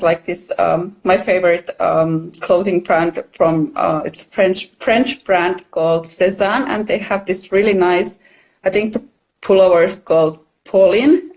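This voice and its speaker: A native Finnish speaker from Finland, appearing as a knitwear designer guest on a live video chat, talks casually in a soft-spoken, friendly way. Her voice is mid-range and the recording quality is low.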